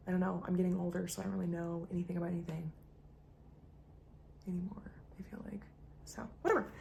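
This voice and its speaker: A woman's voice: fairly low pitch, gravelly, darkish tone, a little hiss or hum. A young woman rambling casually in a vlog, self-mocking, often dropping into whispers. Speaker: vlogger. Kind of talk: casual chat. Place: indoors at home.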